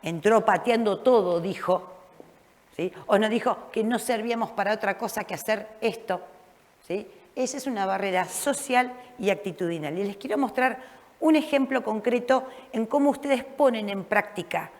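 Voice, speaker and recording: Woman, classroom lecture, lively delivery, echoing hall sound. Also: medium pitch, moderate pace. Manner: lively, frequent "¿sí?" checks, restarts. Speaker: teacher trainer. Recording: reverberant classroom.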